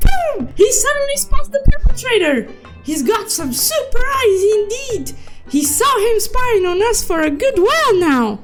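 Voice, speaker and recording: Sounding thoroughly excited, a woman voices a cute, goofy cartoon unicorn, her very high-pitched delivery heavily acted. She narrates a comic story recap with playful exclamations and mock-dramatic flair.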